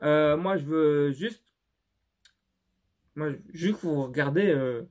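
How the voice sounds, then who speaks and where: A man's voice: fairly high pitch, darkish tone. A young man with a non-native French accent, chatting casually in a vlog and stumbling through lots of fillers and restarts. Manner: halting and unsure, many fillers and restarts. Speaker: YouTuber showing his CD collection.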